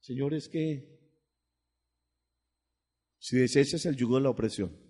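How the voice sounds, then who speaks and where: A male pastor preaching a sermon, swinging from loud, emphatic bursts to low, quiet asides. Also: measured pace, long reverb tail.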